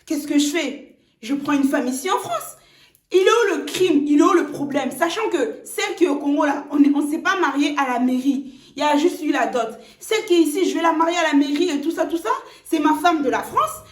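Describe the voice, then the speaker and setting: A smug young man who justifies himself at every turn, put on by a woman storyteller. The voice sits high and dismissive. The room around it is roomy and echoey. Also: lively intonation, brisk, a little hiss or hum. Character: young man, smug two-timing fiancé. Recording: roomy echo.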